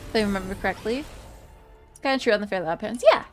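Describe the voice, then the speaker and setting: A woman's voice: medium pitch, rapid-fire, faint music behind. A woman in her twenties chatting casually with her stream viewers, rambling and giggly with lots of fillers. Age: 20s. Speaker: VTuber streamer.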